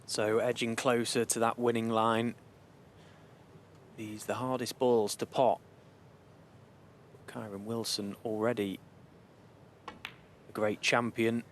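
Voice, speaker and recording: A man giving hushed snooker commentary in measured, deliberate short phrases. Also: little pitch movement. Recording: faint background noise and rumble.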